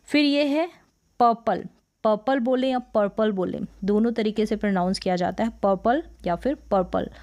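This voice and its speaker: A woman's voice: fairly high pitch, moderate pace, a little mellow. A woman teaching English pronunciation, repeating each word and asking then answering her own questions. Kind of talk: explaining a word list in a lesson.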